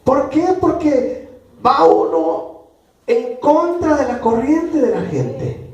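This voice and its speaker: A man's voice: very high-pitched, very animated, slow, a little mellow, highs cut off. A man preaching a sermon as pastor, emphatic and driving his points home by repeating phrases. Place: church. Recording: echoey church room, mic far off.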